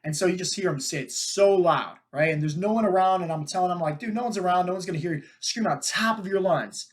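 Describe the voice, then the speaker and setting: A man with a fairly high voice hosts a fitness podcast, speaking straight to his listeners. He tells stories in a loose, energetic way and keeps checking in with "right?" and "like". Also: fast talker. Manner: energetic, talks to listeners with frequent "right?" and "like" fillers. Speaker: podcast host and fitness coach. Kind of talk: casual storytelling monologue.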